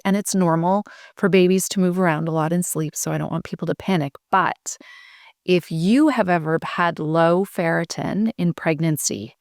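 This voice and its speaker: Earnest low-voiced woman sleep coach. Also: dry recording, clean studio sound. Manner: earnest, advising parents, quotes them in voices. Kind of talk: podcast interview answer.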